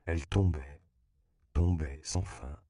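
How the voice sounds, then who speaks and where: A man reads an audiobook in a calm, measured way. His voice is very low and gravelly, with a dark, smooth tone. The recording is close and dry. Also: no room sound. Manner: measured, even storytelling. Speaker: narrator. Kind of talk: audiobook narration.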